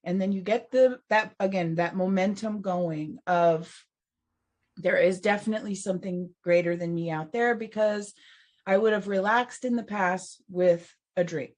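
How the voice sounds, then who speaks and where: In a relaxed podcast conversation on recovery and spirituality, the female co-host speaks in a mid-range, slightly mellow voice at a normal pace. She's reflective, often restarting sentences and breaking into laughter between ideas.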